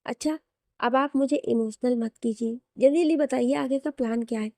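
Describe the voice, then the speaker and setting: A woman voicing a warm, joking young man who speaks respectfully to his sister-in-law. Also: very high-pitched, normal speed, gravelly, no room sound, studio quality. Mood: affectionate. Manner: affectionate, joking.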